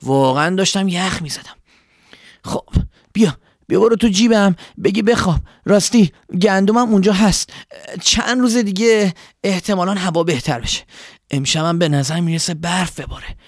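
A man's voice: high-pitched, no echo, studio quality. A man voicing a kind old scarecrow. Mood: caring. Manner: soft, reassuring. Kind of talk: storybook voice acting.

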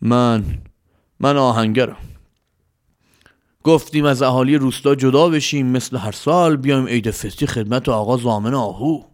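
A man voicing a humble village blacksmith who speaks low, quietly and hesitantly. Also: lightly acted.

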